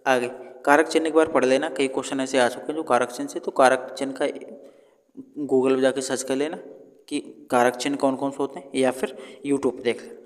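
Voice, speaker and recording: A man's voice: mid-range voice, flat delivery, brisk, in a large hall. A man going through exam questions in a casual lesson, thinking aloud and correcting himself as he goes. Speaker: teacher. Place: indoors, at home.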